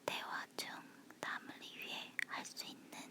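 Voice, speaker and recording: A woman leaning in to whisper softly in a breathy, unvoiced voice, chatting casually in ASMR style, recorded close on a phone. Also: unhurried.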